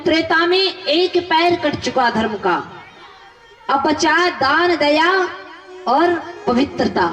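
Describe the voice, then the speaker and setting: A woman's voice: sits high, fairly bright tone. A woman preacher telling scripture stories in a devotional sermon, repeating lists and asking rhetorical questions. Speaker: religious storyteller preacher. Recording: echoey hall from far off with music.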